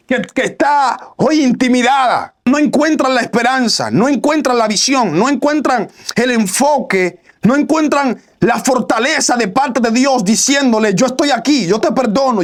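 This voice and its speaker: A man from the Republic, preaching a radio sermon emphatically and repeating phrases in building lists. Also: very high voice. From Dominican Republic. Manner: raises his voice to a near shout at peaks.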